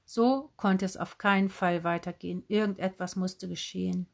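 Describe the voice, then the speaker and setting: A woman narrating an audiobook in a steady, clear storytelling manner. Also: fairly low pitch, normal speed. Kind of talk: scripted narration.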